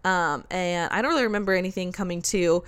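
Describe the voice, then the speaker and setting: A young woman hosts a podcast and tells a story in an animated, conversational way. Her voice sits a little low, and she acts out other people's lines as she goes. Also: fast talker, clear, resonant tone. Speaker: podcast co-host. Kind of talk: casual chat.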